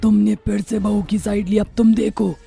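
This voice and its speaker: A woman's voice: mid-range voice, flat delivery, normal speed, creaky. A woman voicing a bossy, quarrelsome old witch mother-in-law in a cartoon, scolding and taunting. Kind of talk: cartoon voice acting. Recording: soft music behind.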